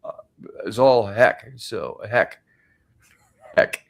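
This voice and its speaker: A man from the United States co-hosting a casual podcast, telling stories in a relaxed way with fillers. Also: on the low side, very slow, gravelly. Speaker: co-host. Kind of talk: casual chat.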